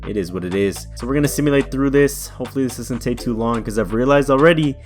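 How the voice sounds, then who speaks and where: A man's voice: mid-range voice, fast. A young man casually commentating a basketball video game, chatty and thinking aloud, with faint music behind him. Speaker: gaming YouTuber.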